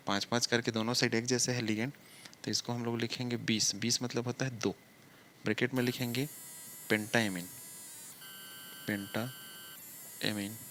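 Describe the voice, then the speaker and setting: A man's mid-range, fairly bright voice carries a chemistry lesson explained step by step on the blackboard, with slight background noise. He slowly drawls words as he writes, asking questions aloud and then answering them.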